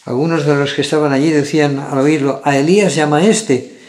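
Man reading scripture aloud, slightly high. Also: fairly even intonation, a little mellow. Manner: measured, raises voice on quoted cries. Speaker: scripture reader. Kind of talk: reading Bible passages aloud.

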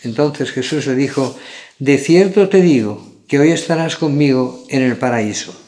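A man reading Bible passages aloud in a measured way, raising his voice on the quoted cries. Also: mid-range voice, mellow. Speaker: scripture reader.

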